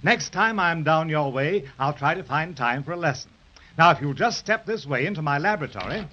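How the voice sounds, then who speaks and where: Friendly jack frost, bit high, lively, old dull radio sound. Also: male voice, brisk. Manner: cheerful, obliging, slightly hesitant uh's. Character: friendly male Jack Frost, proud craftsman. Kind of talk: 1930s radio drama acting. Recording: dull lo-fi 1930s transcription.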